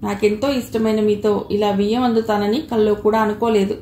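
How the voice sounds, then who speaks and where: A woman's voice: medium pitch, level tone, brisk, mellow, lightly acted. A woman reading as an overjoyed mother. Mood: emotional. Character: middle-aged mother, emotional and delighted. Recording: echoey room with faint noise.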